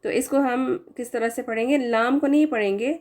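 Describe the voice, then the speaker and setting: A woman teaching a recitation lesson online. She explains each rule with fillers and English words mixed in, and she draws out the example words slowly. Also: fairly high pitch, darkish tone. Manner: slow drawn-out recitation of examples; hesitant fillers while explaining.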